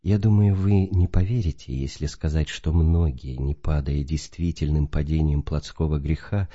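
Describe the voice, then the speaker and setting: Very deep-voiced man reading solemnly. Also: steady tone, moderate pace, dark tone. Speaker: reader. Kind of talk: reading a spiritual letter aloud. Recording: dull lo-fi recording.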